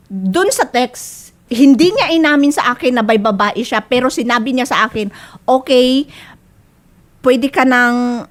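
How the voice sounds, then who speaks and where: A middle-aged woman telling of her husband's cheating, tearful and pleading. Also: a little high. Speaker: complainant wife. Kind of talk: emotional testimony.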